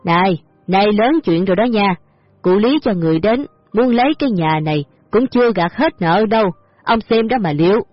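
A woman's voice: mid-range voice, lively intonation, normal speed, dry recording, natural voice. A woman voicing a greedy, scheming middle-aged stepmother who scolds sharply, in a dull lo-fi audio story with faint music behind. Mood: scolding.

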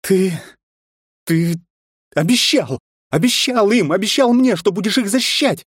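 Guy putting on a high shrill upset woman, fiery, dry close audiobook sound. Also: expressive, moderate pace, darkish tone, slightly rough, dry recording. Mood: angry. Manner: shrill, pleading and accusing. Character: distraught fiery woman, Yufi. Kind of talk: audiobook character voice.

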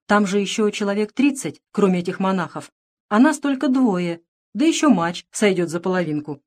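A woman's voice: medium pitch, animated, moderate pace, lightly acted. A woman reading a storybook, voicing a loyal, hot-tempered young male archer. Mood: earnest. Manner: earnest, heated.

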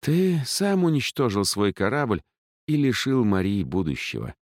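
A man reading an audiobook, voicing a fierce young woman summoner who talks in a sharp, scolding way. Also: on the low side, wildly swooping pitch, unhurried, no echo, clean studio sound, voice pushed up. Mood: scornful. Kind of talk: audiobook character voice.

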